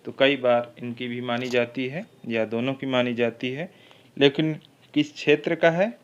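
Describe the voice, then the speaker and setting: A male teacher runs through exam-prep questions, repeating each one before going over the choices. His voice is smooth and clear at a mid pitch. The recording is slightly muffled and lo-fi. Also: fairly even intonation, unhurried. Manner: reads each question twice, then the options, then explains. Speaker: Hindi literature teacher.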